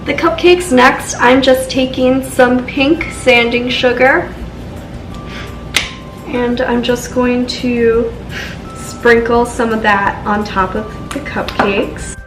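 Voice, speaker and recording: A young woman hosting a baking channel chats casually through a tutorial in a stuffy, congested voice, leaning on "so" and "just" a lot. She speaks slowly, on the high side with fairly even intonation. The sound is roomy and distant, with faint music.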